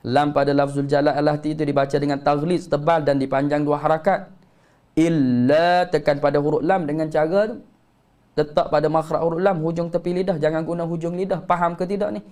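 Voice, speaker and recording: In a live-streamed lesson, a man with a Malaysian Malay accent teaches tajwid, patiently correcting and slowly demonstrating recitation. His voice is on the high side, steady and a little mellow.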